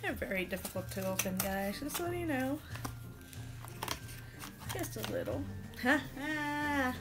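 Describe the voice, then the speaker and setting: Here a young unboxing vlogger chats casually over music while opening toys in her living room. Her voice sits high and unhurried, and it's strained like she's losing it as she gushes, coos at the toys, and drops to a whisper now and then.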